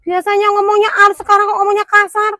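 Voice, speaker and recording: A woman's voice: extremely high pitch, completely flat delivery, fast, pushed and bright, dry recording, clean studio sound. A woman playing a fretful middle-aged wife, complaining about her bad luck in a comedy skit. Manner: fretting, complaining to herself.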